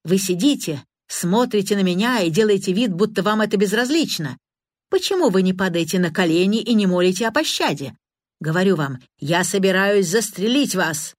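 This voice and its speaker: A frantic young man, hysterical and raving, hurling accusations in a higher, louder voice, as a woman reads him in a storybook. The sound is close and dry. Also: no room sound.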